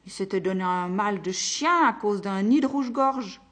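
Woman doing a loud old country farmer. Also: sits high, expressive, normal speed, voice pushed up. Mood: earnest. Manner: loud and emphatic. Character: tall bony old country farmer, laconic then lively. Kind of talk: audiobook character voice.

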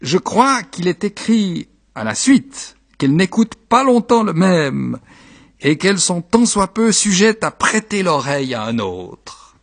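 A man's voice: sits high, big pitch swings, measured pace, vocal fry, pitched above the performer's own voice, exaggerated voice. A man voicing a wry, worldly manservant who comments knowingly on the poor. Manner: wry, knowing, matter-of-fact.

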